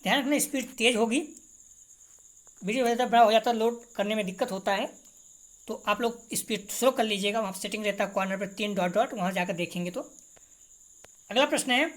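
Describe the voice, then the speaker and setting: A woman's voice: medium pitch, brisk, pauses often. A woman teacher reads exam multiple-choice questions and answers, repeating each correct answer and informally to her students. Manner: informal, addresses students directly.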